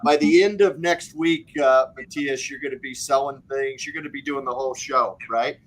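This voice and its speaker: A man's voice: medium pitch, moderate pace, fairly bright tone, rough recording. A man working as an auctioneer and co-host on a live-streamed fundraiser, talking in an upbeat, encouraging, showman-like way over a video call.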